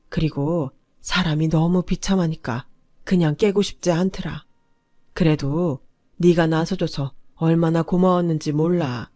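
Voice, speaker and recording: A woman voicing a frail elderly grandmother who speaks softly and with resignation in a storybook tale. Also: low voice, no room sound, clean studio sound. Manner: soft, resigned, plain-spoken.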